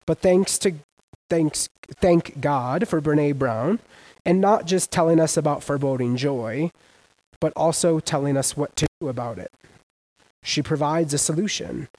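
A man preaching a sermon as pastor, emphatic and casual, with sudden loud rises and everyday slang. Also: fairly high pitch, low-quality recording.

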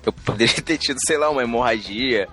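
A man, a podcast co-host, telling a story in casual chat, animated, laughing often and repeating himself. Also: mid-range voice, quick pace, soft background music.

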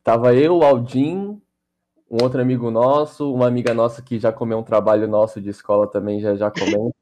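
A young man, chatting on a podcast in a relaxed, slangy way full of fillers. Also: medium pitch, fairly quick. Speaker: podcast co-host. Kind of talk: casual storytelling chat.

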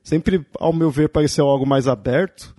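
A man's voice: on the high side, normal speed, dark tone, dry recording, studio quality. A Brazilian man hosting a podcast interview, thinking aloud hesitantly with many fillers. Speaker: podcast host. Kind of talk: casual conversational interview.

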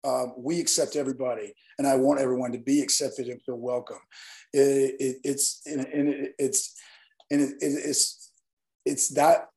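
A man from Northeast Alabama in the US South, a nightlife event promoter, is a guest in a casual interview, his voice hoarse and partly lost. He gives earnest, rambling explanations at a moderate pace, his mid-range voice level in tone and a little mellow.

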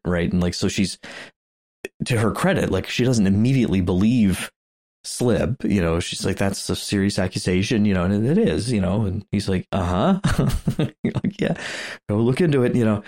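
Low-voiced chuckling man rambling on a podcast. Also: a little mellow. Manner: rambling, chuckling, many restarts. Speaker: podcast co-host. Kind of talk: casual chat.

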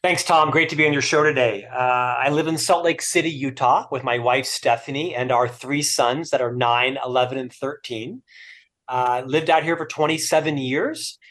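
A middle-aged man from Florida who stutters speaks as an author and interview guest, using upbeat, self-deprecating humor in conversation. His mid-range, fairly bright voice stays steady at a normal speed.

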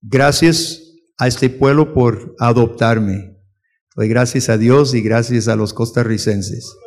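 A man from the United States teaching a church class and taking questions, speaking earnestly with halting restarts and growing urgency. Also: mid-range voice, in a large hall. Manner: earnest, rises to forceful urgency when preaching. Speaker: missionary teacher.

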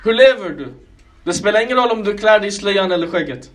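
A man's voice: high voice, expressive, a bit bright. A man preaching a sermon, calling his listeners brothers and sisters and pressing them with one rhetorical question after another. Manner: clears his throat now and then.

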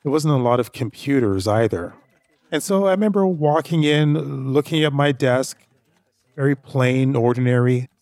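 A man's voice: mid-range voice, moderate pace, darkish tone, no room sound. Rambling man hosting a story podcast. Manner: rambling, repeats himself, conversational. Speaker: podcast host. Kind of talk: casual storytelling.

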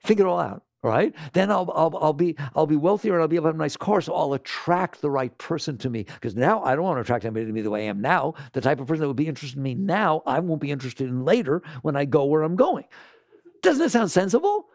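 A man giving an animated talk to an audience, scolding and asking rhetorical questions. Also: fairly high pitch, quick pace, creaky, few pauses, no echo, studio quality.

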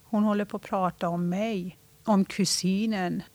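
A woman from Iran telling a personal story in an interview, reflective and halting, slowing down when she talks about her feelings. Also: medium pitch, fairly even intonation, a little mellow, no echo.

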